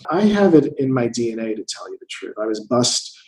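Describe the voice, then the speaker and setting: Speaking as an interview guest in a relaxed conversation, a US theatre investor in his 50s thinks out loud and frequently repeats words. His medium-pitched, slightly mellow voice swings widely in pitch and runs a little fast. The sound is roomy and of poor quality.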